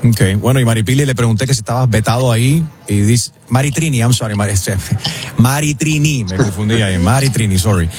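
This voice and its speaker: A man's voice: medium pitch, fairly quick. A man hosting an interview, chatty and joking, often stumbling over his words. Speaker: interview host. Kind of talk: casual interview chat.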